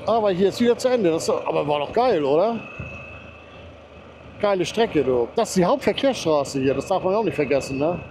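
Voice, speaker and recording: This motorcycle vlogger keeps up a casual, excited commentary for viewers as he rides a mountain road, speaking into a helmet mic and sometimes to himself. He sounds expressive with a voice that sits high, at a moderate pace. The background is noisy.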